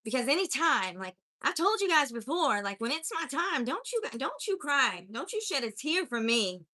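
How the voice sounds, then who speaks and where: Her voice sits high with big swings in pitch, sounding pushed and bright at a normal speed. On her livestream, this spiritual life coach with a mixed accent from many upbringing places greets viewers and preaches earnestly, encouraging them along.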